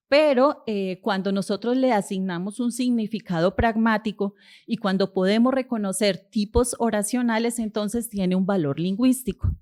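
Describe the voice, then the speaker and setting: A woman's voice: a little high, darkish tone. A woman giving an academic linguistics lecture, explaining step by step with rhetorical questions and frequent hesitations.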